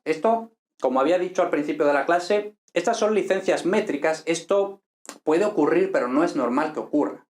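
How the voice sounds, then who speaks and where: Chatty lecturer in an echoey room. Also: male voice, on the high side. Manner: thinks aloud, many tag questions and restarts. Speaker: Latin teacher. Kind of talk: informal recorded lecture.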